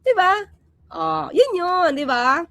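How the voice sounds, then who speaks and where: With an extremely high pitch but a slow pace, and no room sound, a woman delivers casual political commentary on her vlog. She's emphatic and animated, shifting from loud to quiet, and keeps asking her audience the rhetorical "di ba?"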